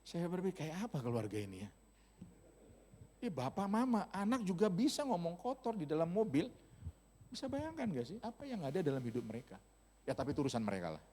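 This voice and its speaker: Male pastor, sermon delivery, swooping expressive pitch, joking slangy storyteller, long hall reverb. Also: brisk, a little hiss or hum. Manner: animated, humorous storytelling in casual slang. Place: church hall.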